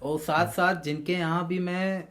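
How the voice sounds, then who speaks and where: Lively storytelling man, fairly high voice. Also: unhurried. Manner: lively anecdotal storyteller, explains patiently. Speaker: anchor and voice artist, guest. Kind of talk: casual podcast interview.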